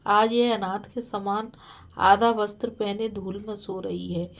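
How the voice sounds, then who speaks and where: A woman voicing a grieving king who is torn about leaving his sleeping wife, speaking his thoughts as a slow, sorrowful inner monologue. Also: mid-range voice, level tone, lightly acted.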